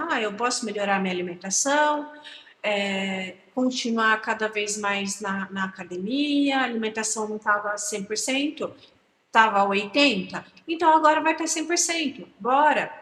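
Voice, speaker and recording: A woman's voice: on the high side, fairly bright tone, echoey room, in a large hall, a little hiss or hum, low-quality recording. A woman talking in a casual, reflective vlog, often repeating words and asking her listener if they understand. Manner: reflective, repeats words, frequent "entende?" tags. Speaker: channel host. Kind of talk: casual personal vlog on manifestation.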